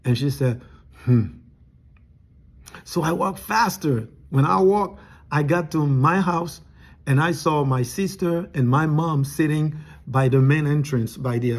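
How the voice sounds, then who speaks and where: A man earnestly telling a personal spiritual testimony, halting and restarting as he goes, eating something while he talks. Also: mid-range voice. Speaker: testimony speaker.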